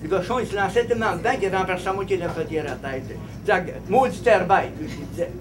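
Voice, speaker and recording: A man from Abitibi with a Quebec French accent telling a childhood farm anecdote, animated and laughing, with rambling restarts. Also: high voice, rapid-fire, background noise. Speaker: storyteller. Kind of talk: personal anecdote told live.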